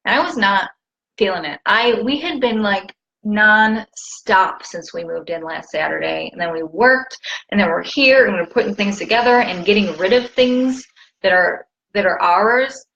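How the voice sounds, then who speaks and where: A wellness coach in a relaxed live stream, a woman with a mid-range voice who wanders through a personal story and stops to greet people in the chat. Her delivery is open and conversational. The sound is muffled and lo-fi. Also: mid-range voice, a little slow, gravelly. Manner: chatty, rambling, reads viewer comments aloud.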